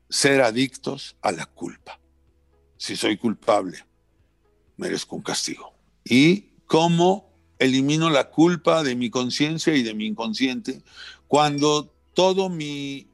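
A man's voice: medium pitch, vocal fry, no room sound. A man talking earnestly and introspectively about guilt and his past, often repeating words. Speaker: guest. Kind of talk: reflective personal conversation.

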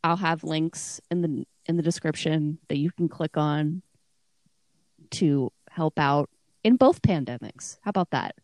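A woman's voice: deep voice, unhurried, darkish tone, no room sound. A woman co-hosting a casual podcast, chatting with a giggly, rambling manner and many fillers. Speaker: podcast co-host.

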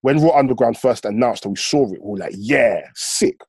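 A quick-talking man with a London roadman accent, recorded dry. His voice is slightly mellow and husky. He chats casually and emphatically in slang, circling back to repeat his point. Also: mid-range voice, dry recording. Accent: London, urban roadman slang. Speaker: wrestling podcast co-host. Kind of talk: casual chat.

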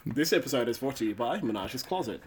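A man's voice: mid-range voice, lively intonation, quick pace, slight background noise. A giggly young man co-hosting a podcast with casual banter, recorded inside a closet. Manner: giggly, laughs often while talking. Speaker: podcast co-host.

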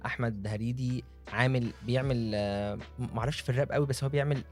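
A man's voice: mid-range voice, fairly even intonation, fast talker, faint music behind. A man with an Egyptian accent in casual comic chat, with a teasing, mock-aggrieved way of talking.

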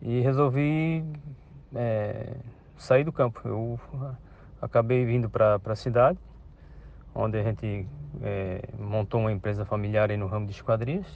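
A farmer in his 50s from Santa Catarina, Brazil, tells his story casually in a radio interview with dull, lo-fi sound and slight background noise. His voice is fairly low and steady, and he speaks unhurriedly, hesitating, restarting often, and adding tag questions.

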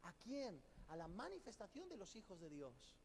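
A man's voice: high-pitched, wildly swooping pitch, moderate pace, a little hiss or hum. A man from preaching a sermon, emphatic, asking rhetorical questions and acting out quoted people. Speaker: pastor.

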